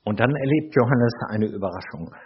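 A middle-aged man preaching a sermon in a slow, reflective way, with chatty asides to his listeners. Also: mid-range voice, expressive, slightly rough. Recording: dull lo-fi recording.

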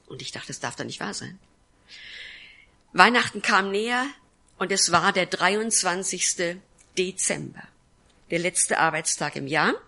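Woman, pastor, sermon testimony, earnest storytelling, bright and forceful, lowish pitch. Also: lively intonation, a little slow, creaky, long pauses. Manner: earnest storytelling with acted-out quotes.

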